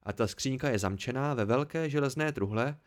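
A man voicing a calm village innkeeper who explains things in an even way. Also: mid-range voice, natural voice. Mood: explaining.

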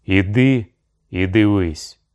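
A man's voice: fairly low pitch, slow pace, darkish tone. A man voicing a proud, hot-tempered young tsarevich in an audiobook, speaking in a commanding, indignant way. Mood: imperious.

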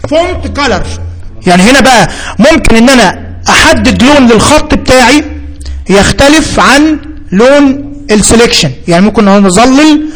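A man with an Egyptian Arabic accent giving a spoken software tutorial, explaining step by step with repeated terms and hesitant fillers. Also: extremely high pitch, expressive, normal speed, rough recording. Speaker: computer instructor.

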